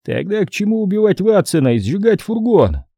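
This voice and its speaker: A man voicing a gruff navy admiral. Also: high voice, very animated, a little fast, dark tone, no room sound, clean studio sound, pitched above the performer's own voice, exaggerated voice. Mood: grumbling. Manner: grumbling, agitated.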